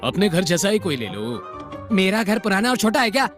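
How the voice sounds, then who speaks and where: A man plays a gentle, reassuring young husband who hides his wealth. His mid-pitched voice rises and falls expressively, with soft music behind it in this dubbed romance drama. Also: big pitch swings, moderate pace. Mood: calm. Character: calm young male CEO posing as poor husband. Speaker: voice actor. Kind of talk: Hindi dub acting.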